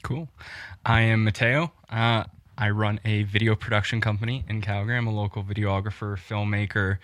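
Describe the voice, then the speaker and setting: A man's voice: fairly low pitch, flat delivery, moderate pace, fairly bright tone, no echo. A young man, a guest on a podcast, chatting casually about his work in short, easygoing replies. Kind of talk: casual chat.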